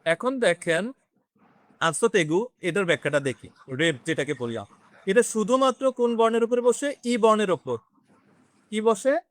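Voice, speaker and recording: A man's voice: high voice, animated, no room sound, clean studio sound. A man teaching a beginners' French class, explaining step by step and quizzing his students. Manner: explains slowly, quizzes the class, mixes in English words. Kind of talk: classroom lesson.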